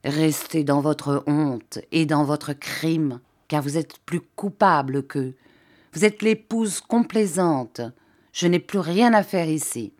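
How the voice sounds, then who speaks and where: A woman's voice: sits low, takes it slowly, darkish tone. A woman voicing a stern, zealous male village priest who scolds and preaches with fire in an audiobook reading. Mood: scornful.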